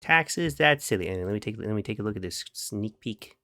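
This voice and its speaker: A man's voice: fairly low pitch, expressive, brisk, pushed and bright, dry recording, studio quality. A man chatting casually with viewers on a live stream, playful and giggly, humming and scatting to himself between remarks. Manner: playful, giggly, hums and scats to himself while working.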